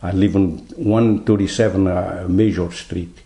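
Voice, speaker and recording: An older man from Portugal with a Portuguese accent, telling his story in an interview in halting, broken English with many repeated words. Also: deep voice, fairly even intonation, mellow, roomy sound, rough recording. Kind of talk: oral history interview.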